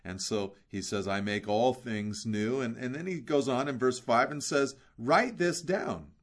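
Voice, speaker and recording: Earnest preaching man, mid-pitched. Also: steady tone. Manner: earnest preaching, slowing down to stress words, rhetorical questions. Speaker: pastor. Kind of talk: sermon.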